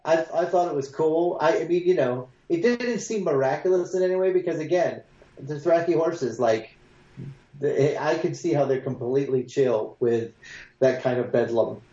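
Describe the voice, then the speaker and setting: A man's voice: fairly high pitch, normal speed, dark tone. Man sounding like he's in a hole. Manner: hesitant, many fillers and restarts. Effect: hollow echo, sounds like talking from inside a hole. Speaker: podcast co-host. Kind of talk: casual chat. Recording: echoey, muffled remote line.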